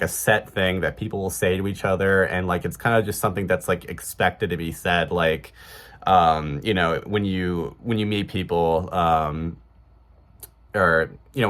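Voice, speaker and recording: A man's voice: sits low, fairly bright tone. A man in his thirties with a Chicago accent, talking casually to camera in a rambling way, full of fillers and restarts. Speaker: vlogger.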